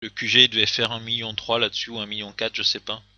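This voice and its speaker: Bright-toned man, hesitant game commentary. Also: fairly low pitch, completely flat delivery, quick pace, no room sound, lo-fi sound. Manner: hesitant, many fillers and restarts. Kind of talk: casual commentary on game replays.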